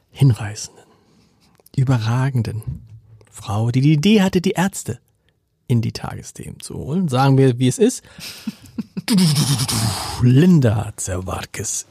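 A man's voice: mid-range voice, very animated, slow, creaky, long pauses, warm tone, husky, no echo, studio quality, soft background music. A man hosting a podcast in casual chat, laughing often and restarting his sentences. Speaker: podcast host.

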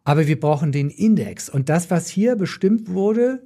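A man's voice: on the high side, expressive, moderate pace, mellow. A man explaining as an expert in podcast conversation, emphatic and opinionated, repeating points for stress. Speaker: nutrition doctor, podcast expert.

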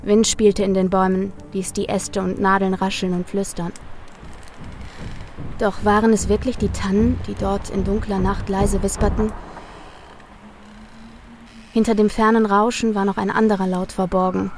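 A woman reading a suspenseful story aloud in a measured, scripted narration. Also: mid-range voice, flat delivery, darkish tone, slight background noise.

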